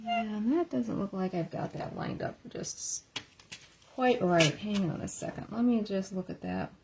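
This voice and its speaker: A woman demonstrates card making at her craft table in a relaxed, chatty way. She talks herself through each step as she works. She is recorded through an iPad camera. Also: medium pitch, unhurried, a little hiss or hum. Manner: chatty, thinks aloud while working. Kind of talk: casual craft tutorial. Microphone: iPad camera on a stand.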